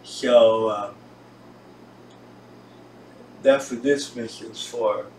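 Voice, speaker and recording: Halting and piecemeal in his phrasing, a man in an echoey home recording room narrates a casual tour of his gear as he films it. His medium-pitched voice is steady and a little mellow, picked up off-mic by a tripod camera some distance away, with distant, hissy audio.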